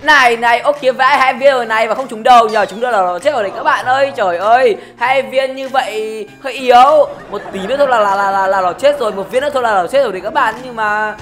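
A woman's voice: on the high side, quick pace, hardly any pauses, a bit bright. A woman hosting a gaming channel, giving playful, teasing commentary as she plays, laughing often. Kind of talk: casual game commentary. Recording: game music behind the voice.

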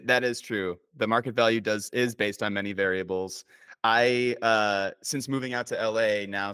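A man hosting a podcast, relaxed and agreeable in casual conversation. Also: lowish voice, clear, resonant tone, no room sound, clean studio sound. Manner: relaxed, agreeable, quick laughs. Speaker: podcast host. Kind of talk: casual chat.

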